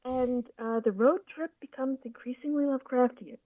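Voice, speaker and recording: A woman voice actor chatting casually on a video call from her sofa, telling stories in a lively, theatrical way. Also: sits high, normal speed, no room sound. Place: home sofa. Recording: tinny phone-like line, dry.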